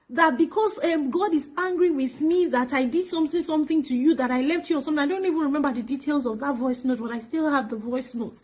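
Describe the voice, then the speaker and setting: A young woman speaking straight to camera, pleading and indignant, repeating herself and sometimes dropping to a whisper. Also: very high voice. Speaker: actress. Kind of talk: emotional direct-to-camera address.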